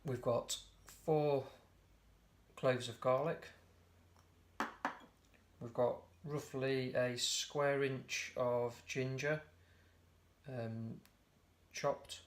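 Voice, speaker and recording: A home cook talks very slowly through a recipe, leaving long pauses, his mid-range voice hoarse and croaky. Relaxed and chatty, he regularly corrects himself mid-sentence during this casual step-by-step demonstration. It's recorded as a noisy home video.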